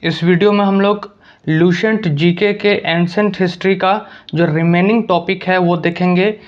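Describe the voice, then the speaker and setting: A man's voice: high voice, steady tone, moderate pace. A man giving an exam-prep history lecture, posing likely quiz questions and answering them himself. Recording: slightly dull lo-fi audio.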